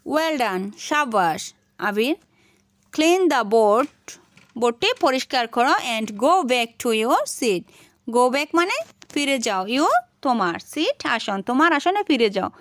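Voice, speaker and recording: A Bangladeshi woman gives a children's English lesson, drawing out English classroom phrases slowly and carefully. Her voice sits high, and the recording is dry and close, with no room sound. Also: very animated, dry recording. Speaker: English teacher.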